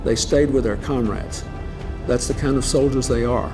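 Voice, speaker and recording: Man, formal address, solemn, measured, archival clip, music underneath. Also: mid-range voice, steady tone. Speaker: archival speaker.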